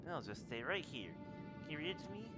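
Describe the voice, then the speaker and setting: A man's voice: on the high side, sing-song, fast, music in the background, voice pushed up. A man voicing a cheerful, affectionate young girl, a playful little sister, while reading out video game dialogue. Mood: affectionate, coaxing.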